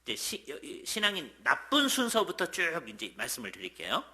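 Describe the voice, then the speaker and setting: A man lectures a church audience in a fairly high, very bright voice. He acts out quoted lines and sometimes drops to a whisper. He keeps checking in with the listeners, and his pitch rises and falls a lot. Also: normal speed. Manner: lively, checks in with the audience by asking "예?". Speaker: guest lecturer at a church seminar. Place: church hall.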